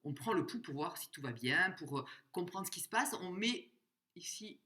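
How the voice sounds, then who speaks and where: A woman giving a spoken music lesson, explaining slowly, singing short examples and counting out the beats. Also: lowish voice, animated, pushed and bright. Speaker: music teacher.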